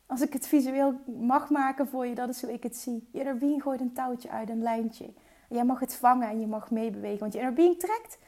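Woman motivational coach, earnest and encouraging, warm mellow voice, English phrases in her speech. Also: high voice. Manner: earnest and coaching, drops into soft whispers. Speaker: entrepreneur and mindset coach. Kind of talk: motivational talk.

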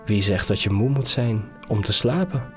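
A man voicing a calm, laconic and steady stranger in a storybook tale. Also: fairly low pitch, normal speed, faint music behind, close to an everyday voice.

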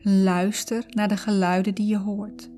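A woman narrating a guided visualization in a calm, soothing, unhurried way. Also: mid-range voice. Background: background music.

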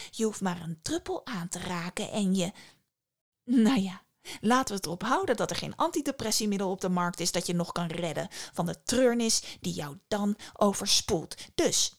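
A woman plays a haughty goddess in a spoken fairy tale, drawing out her mocking lines. She talks down to the listener with a gravelly bite. The voice sits near middle height but climbs when she sneers. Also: mid-range voice, lively intonation, normal speed, lightly acted. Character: haughty tipsy goddess, female, sharp-tongued.

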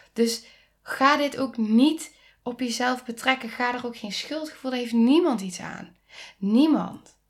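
A woman in her thirties hosting a podcast, speaking earnestly and intimately, often dropping into soft near-whispers and rising to emphatic pleas. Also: fairly high pitch. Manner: rises to emphatic, pleading tones. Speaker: podcast host. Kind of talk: reflective podcast monologue.

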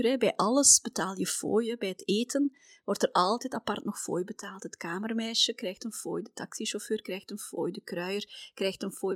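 A middle-aged Flemish woman from Belgium hosting a podcast, telling personal travel stories in a chatty way, often dropping to a soft near-whisper. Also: fairly high pitch, dry recording, clean studio sound. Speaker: podcast host.

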